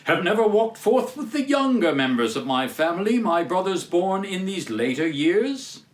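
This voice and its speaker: A man's voice: sits high, sing-song, normal speed, pitched above the performer's own voice. A man voicing a jovial giant ghost in a storybook reading, hearty, commanding and declaiming. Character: jovial booming giant ghost of Christmas Present. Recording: roomy echo, distant microphone.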